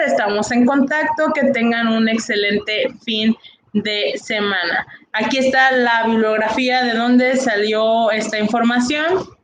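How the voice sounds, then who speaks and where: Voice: medium pitch, fairly bright tone. Mexican class teacher, recorded online lecture, patient explainer; echoey room, faint background hum. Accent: Mexican Spanish. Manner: explanatory, frequent "bien" and "eh" fillers, rhetorical questions.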